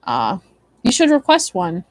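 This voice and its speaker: A woman's voice: medium pitch, wildly swooping pitch, a little slow, no room sound. Young woman rambling casually, dry sound. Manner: rambling, many likes and ums. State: tired, yawning. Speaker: livestream host. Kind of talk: casual chat with viewers.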